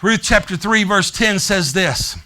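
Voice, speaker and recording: A male pastor delivers a sermon with a high-pitched voice and a bright, forceful edge. His delivery is animated and conversational, as if he is talking with the congregation face to face. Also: unhurried. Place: church sanctuary.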